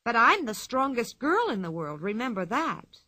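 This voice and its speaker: A woman's voice: on the high side, big pitch swings, moderate pace, pushed and bright, no room sound, clean studio sound, heavily acted. A woman voicing a bold, cheerful, strong little girl who talks in a carefree, matter-of-fact way.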